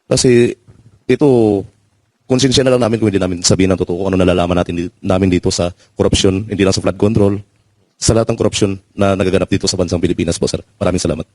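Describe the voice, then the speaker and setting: Low-voiced ex-soldier man, earnest and quick, dry close mic. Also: fairly even intonation, a little mellow, dry recording. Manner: earnest, pleading, polite. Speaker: former soldier. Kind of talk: personal testimony in a panel.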